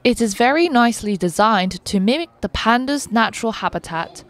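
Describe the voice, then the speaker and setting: A young woman giving a scripted, even voice-over for her travel vlog. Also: a little high, normal speed. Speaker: travel vlogger.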